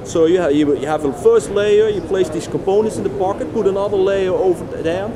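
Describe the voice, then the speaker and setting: A man's voice: high voice, brisk. Mid-aged guy explaining tech at a trade show, lots of uh's, crowd noise all around. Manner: technical explaining, many fillers. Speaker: company general manager. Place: busy trade show floor, indoors. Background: loud crowd chatter.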